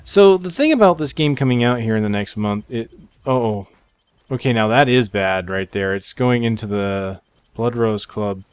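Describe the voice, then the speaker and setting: This gamer talks through a game preview in a loose, unscripted way, rambling and thinking aloud as game music plays. He has a lowish, clean voice at a moderate pace, with no room sound but a lo-fi quality.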